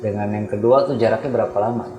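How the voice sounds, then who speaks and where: A man, a co-host who probes with slow follow-up questions in a casual chat. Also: lowish voice, fairly even intonation, highs cut off. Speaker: podcast co-host. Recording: roomy echo, music bed.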